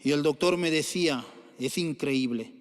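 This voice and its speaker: A middle-aged man preaches to his congregation, his voice sitting high for a man. He tells family stories earnestly and swells into urgent calls to follow God. A long church-hall reverb trails each phrase. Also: moderate pace. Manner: earnest storytelling with rising exhortations. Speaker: pastor. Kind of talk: sermon.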